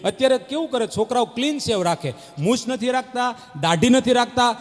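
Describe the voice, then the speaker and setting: A high-pitched man works a crowd from the stage, telling jokes. He slips in and out of the people in his stories and barks like a dog. His voice runs through a stage PA with a long reverb trailing behind it. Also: animated, fairly quick. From Gujarat, India. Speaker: stage comedian at a devotional folk gathering. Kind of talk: live stand-up joke telling. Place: live stage before a crowd.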